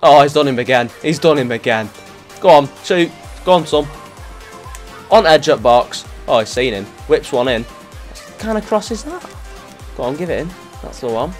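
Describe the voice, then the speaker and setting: A young man commentating his football video game in an excitable, jokey way, swearing often and breaking into sudden shouts. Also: fairly high pitch, moderate pace, soft background music. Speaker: gaming youtuber.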